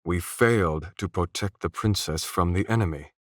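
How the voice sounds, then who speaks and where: Man voicing a quiet, resolute knight. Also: low voice, normal speed, no room sound, clean studio sound.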